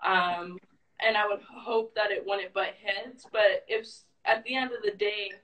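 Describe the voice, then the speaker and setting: A woman's voice: medium pitch, fairly even intonation, a little slow, fairly bright tone. Woman speaking from a distance. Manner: thoughtful, explains at length. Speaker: interview guest. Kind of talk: casual conversation.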